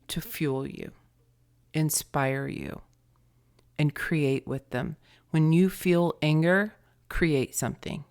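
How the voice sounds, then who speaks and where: A woman giving an intuitive tarot reading in a soft, meditative way, often sinking to a hushed near-whisper and pausing with fillers as she searches for words. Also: low-pitched. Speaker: tarot reader.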